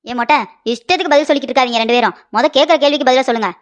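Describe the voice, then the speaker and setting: A woman voicing a sharp-tongued, scolding middle-aged mother-in-law in a cartoon comedy. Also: high-pitched, natural voice. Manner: rapid scolding and mocking.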